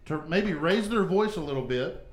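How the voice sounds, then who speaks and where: High-voiced man in an echoey room. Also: expressive, moderate pace, a loud crowd. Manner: thoughtful, restarts often, builds arguments. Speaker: co-host. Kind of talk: casual discussion. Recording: echoey room with faint ambient noise.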